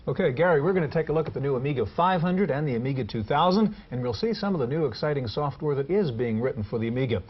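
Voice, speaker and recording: American man, forties, TV host, brisk pace, slightly husky, dull vintage studio sound. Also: medium pitch, lively intonation. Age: 40s. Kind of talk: television technology show presenting. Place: television studio.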